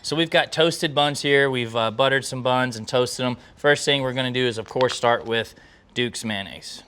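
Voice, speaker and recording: A man's voice: medium pitch, moderate pace, sharp tone, a little hiss or hum. Guy showing how to cook a sandwich, folksy and upbeat, chatting to the camera. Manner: folksy, enthusiastic, talks to camera. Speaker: cooking channel host. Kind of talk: casual cooking demo.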